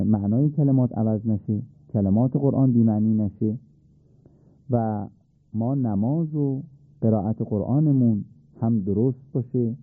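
A man's voice: on the low side, no room sound. A man teaching Arabic letter pronunciation for prayer and Quran recitation, patiently repeating and demonstrating sounds. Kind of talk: radio-style pronunciation lesson. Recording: tinny phone-like dry sound.

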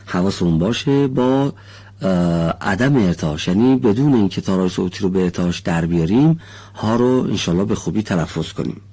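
Deep husky male recitation teacher. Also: animated, warm tone. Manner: polite, formal, patient explaining; slowly drawn-out demonstration syllables. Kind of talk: televised pronunciation lesson. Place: studio.

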